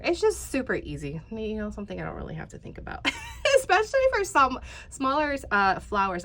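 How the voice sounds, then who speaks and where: Stuffy and slightly congested, this woman from Texas rambles chattily through a relaxed paper craft tutorial, her medium-pitched, creaky, fairly bright voice frequently dropping almost to a whisper while she crafts.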